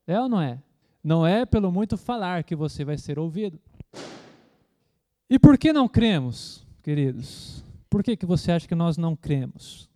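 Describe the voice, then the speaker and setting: A man with a notably high voice preaches a sermon, asking his listeners rhetorical questions again and again and pausing for their amens. At times he mimics loud, shouted prayers before dropping back to a plain teaching tone. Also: very animated. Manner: preaching with frequent rhetorical questions and calls of amen; acts out loud shouting prayers as a mock imitation. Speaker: pastor.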